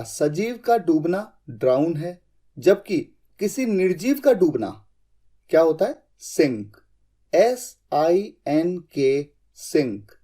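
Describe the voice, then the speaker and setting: A man's voice: on the high side, warm tone. A man teaching English vocabulary in a lesson, spelling out each word letter by letter.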